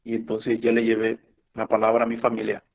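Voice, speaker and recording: A man's voice: on the low side, completely flat delivery, gravelly. Man telling his story over a tinny line. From Colombia. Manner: storytelling, halting with many fillers and restarts. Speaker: speaker giving a personal testimony. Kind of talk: spoken testimony to a youth meeting. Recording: tinny phone-like recording.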